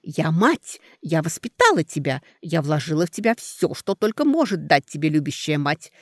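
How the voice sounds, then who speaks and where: A man voicing a domineering aristocratic mother who shouts commands at her grown son, read as an audiobook character. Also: fairly high pitch, very animated, normal speed, no echo, studio quality. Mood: imperious, shouting. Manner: loud, commanding, scolding.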